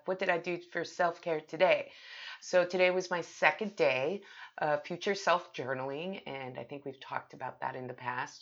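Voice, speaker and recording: A woman's voice: extremely low pitch, a bit bright. A woman hosting a casual solo podcast from her home bathroom, chatting informally and with self-deprecation. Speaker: podcast host. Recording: dull lo-fi, home bathroom sound.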